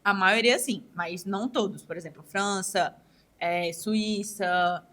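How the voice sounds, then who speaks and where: A woman's voice: medium pitch, slow pace, fairly bright tone. A woman in her twenties with a Brazilian accent from Ceará, chatting as a podcast guest and acting out quoted dialogue with animation. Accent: Ceará Brazilian Portuguese. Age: 20s. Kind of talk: casual interview chat.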